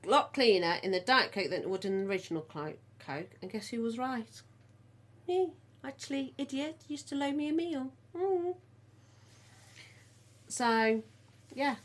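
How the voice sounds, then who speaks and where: Lively chatty Midlands woman. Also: on the high side, measured pace, pauses often. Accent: English Midlands. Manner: chatty storyteller, laughs often. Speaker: podcast co-host. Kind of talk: casual family chat.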